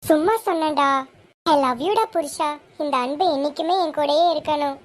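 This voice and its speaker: A woman's voice: high voice, fairly even intonation, normal speed, close to an everyday voice. A woman voicing a devoted young wife who soothes her husband, in a fan-made serial drama. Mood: loving.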